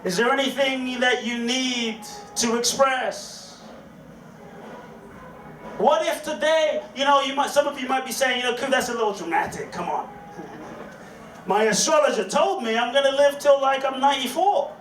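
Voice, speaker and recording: A man giving an inspirational speech to a live audience, slow and dramatic, repeating his questions and leading call-and-response. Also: very high voice, fairly bright tone. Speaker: inspirational speaker. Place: event hall. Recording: echoey hall, distant mic, faint noise.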